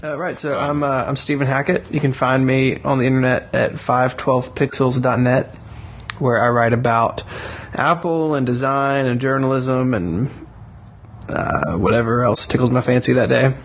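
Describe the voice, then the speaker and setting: A man's voice: medium pitch, moderate pace, slight background noise. A man from the American South who sounds sick with a cold, chatting casually as a podcast co-host.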